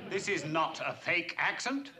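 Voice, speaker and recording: An actor playing an American husband possessed by a flirtatious English ghost, speaking in an English accent with a clipped, sly manner in a 1970s sitcom. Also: male voice, a little high, big pitch swings, measured pace, a loud crowd. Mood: brusque. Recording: hissy old TV soundtrack.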